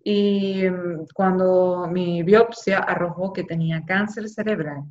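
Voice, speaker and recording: A woman's voice: on the low side, steady tone, slow, darkish tone. A young woman with a Maracaibo Venezuelan accent tells her story candidly in an interview. She talks expressively and acts out the voices she quotes. The recording sounds slightly dull and lo-fi. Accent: Maracaibo Venezuelan Spanish. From Zulia, Venezuela. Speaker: interviewee, journalist. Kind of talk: personal testimony in a conversational interview.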